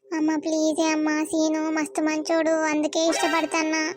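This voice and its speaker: A woman voicing a very high pleading village girl. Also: completely flat delivery, normal speed, loud music behind the voice, natural voice. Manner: pleading, apologetic. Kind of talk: cartoon voice acting.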